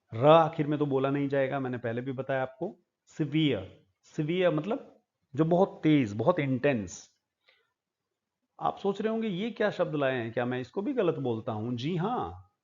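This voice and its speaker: A man's voice: fairly high pitch, a little mellow. Indian guy teaching pronunciation, says each word over and over, kinda dull lo-fi audio. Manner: slow, repeats each word several times. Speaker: English teacher. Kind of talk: pronunciation lesson.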